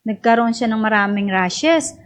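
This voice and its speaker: Middle-aged Filipina with a high voice, casual testimony style, laughs and acts out quotes. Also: female voice, lively intonation, moderate pace. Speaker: speaker sharing a personal story. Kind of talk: casual storytelling to a congregation.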